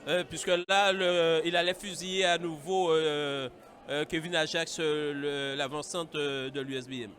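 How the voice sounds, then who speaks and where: A man commentating live on a football match in a halting, repetitive way. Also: on the high side, fairly even intonation, a bit bright. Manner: hesitant, halting delivery with repetitions. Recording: outdoor stadium, crowd noise behind. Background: crowd.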